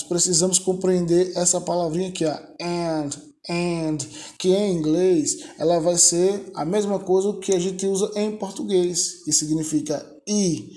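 A man's voice: sits high, warm tone. A man teaching an online English lesson, patiently drilling numbers by repetition and often checking in with tag questions.

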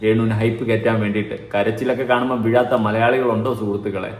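A man's voice: lowish voice, steady tone, fast. A man giving mocking, sarcastic commentary in a vlog. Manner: sarcastic, mocking, mimics crying voices. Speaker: vlogger. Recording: echoey room.

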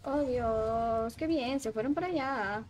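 A woman streaming a game, chatting casually with her viewers and getting excitable as she plays. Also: a little high, unhurried, slight background noise. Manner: excitable, shrieks and laughs while playing, chats with viewers. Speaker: livestreaming gamer. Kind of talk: casual gaming livestream chat.

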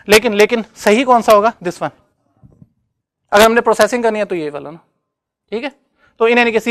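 A man's voice: high voice, a bit bright, no room sound. Male lecturer, easygoing classroom talk, keeps asking if it makes sense, close and dry sound. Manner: conversational, checks understanding often.

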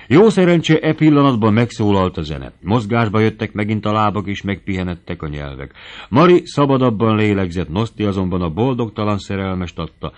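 A man narrating a classic novel as an audiobook, telling the story in a lively way. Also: on the low side.

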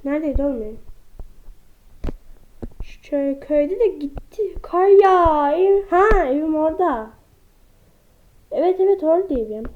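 A woman's voice: sits high, lively intonation, normal speed, long pauses. A woman giving casual gameplay commentary, chatting to her viewers as friends and sounding slightly under the weather. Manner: chatty, talks to viewers as friends, exclaims at animals. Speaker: gaming vlogger. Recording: dull lo-fi recording with faint noise.

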